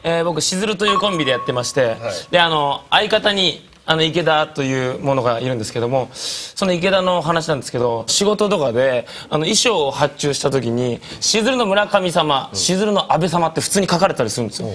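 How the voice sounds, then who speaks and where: Man, comedian, comic anecdote, brisk delivery, quick pace, slightly high voice. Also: lively intonation, fairly bright tone.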